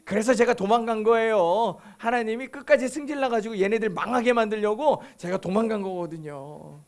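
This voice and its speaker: A resentful prophet grumbling and sulking at God in a very high male voice, as a preacher puts him on. He sounds peeved and self-righteous. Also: fairly quick. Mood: sulky. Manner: sulky, resentful complaining.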